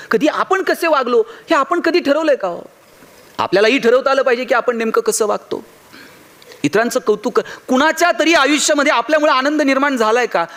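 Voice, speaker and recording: A man's voice: very high voice, a bit bright. A man giving a motivational public speech, telling funny stories and talking directly to his audience. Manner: humorous storytelling, addresses the audience directly. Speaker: motivational speaker.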